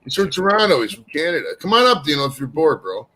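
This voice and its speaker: A man's voice: a little high, sing-song, fast talker, sharp tone, low-quality recording. A man hosting a podcast, chatting casually in a rambling, slangy, profane way. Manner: rambling, slangy, says bro and dude often. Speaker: podcast host.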